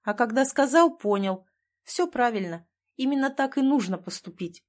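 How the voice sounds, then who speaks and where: A woman's voice: on the high side, animated, moderate pace. Woman narrating an audiobook. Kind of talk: scripted narration.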